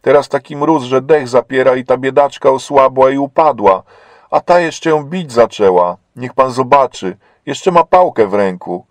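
A man voicing a bold young woman prisoner who pleads urgently and indignantly, raising his voice higher and louder. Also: moderate pace, dry recording, close to an everyday voice.

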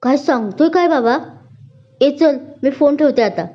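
A woman voicing Ketaki, a bubbly and excitable young college woman in a spoken story. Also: high voice, moderate pace, pitched above the performer's own voice, natural voice. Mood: lively. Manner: lively, excitable. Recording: dull lo-fi recording.

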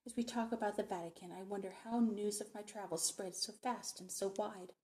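A woman's voice: medium pitch, fairly even intonation, brisk, darkish tone. Woman librarian reading a novel aloud. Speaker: librarian reading a book chapter.

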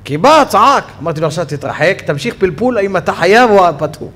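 A man teaching a Torah lesson on Sabbath law in a study hall, with an Israeli accent, telling stories with a voice that rises sharply when he gets excited. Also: sits high, slight background noise. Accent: Israeli Hebrew. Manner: animated storytelling, voice rising sharply when excited. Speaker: rabbi teaching a Torah class.

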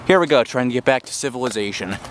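With a mid-range voice and lively intonation, a man talks fast as he walks overgrown woods, vlogging his exploration of abandoned railroad tracks. His handheld camera mic picks up rambling restarts and outdoor noise in the background.

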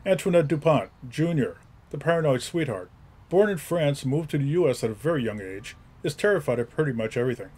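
Husky-voiced male narrator. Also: fairly high pitch, lively intonation, a little fast, a little mellow. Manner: crisp, list-like character introductions. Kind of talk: scripted narration.

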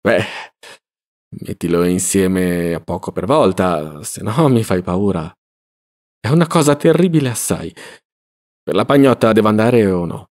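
A man's voice: lowish voice, expressive, measured pace, pauses often, darkish tone. A man voicing a chatty, giggly young peasant housemaid who teases bluntly in a homely way. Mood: teasing.

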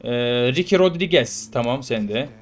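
A man playing a prison game and chatting casually over it, playful and slangy, now and then shouting loudly at the characters. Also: mid-range voice, expressive, moderate pace. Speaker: gaming YouTuber. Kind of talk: casual let's-play commentary.

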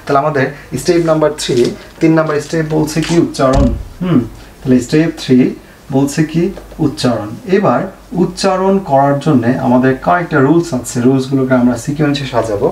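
A man's voice: mid-range voice, fairly quick, darkish tone. A male chemistry teacher giving an online lesson, asking questions and answering them himself and repeating the key points. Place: home room, fan switched off. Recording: echoey room, faint noise.

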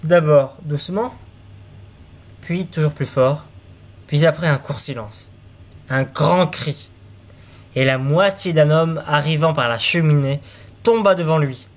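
A man's voice: a little high, measured pace, pauses often. A man reading a fairy tale aloud, now and then stumbling and restarting words. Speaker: storyteller.

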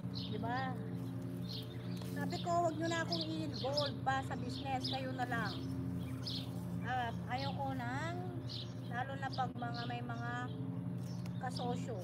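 Filipina lady vlogging live from her garden, highish voice, lots of outdoor noise and birds chirping behind. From Philippines. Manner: chatty, rambling, reads viewer comments aloud. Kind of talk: casual live vlog chat.

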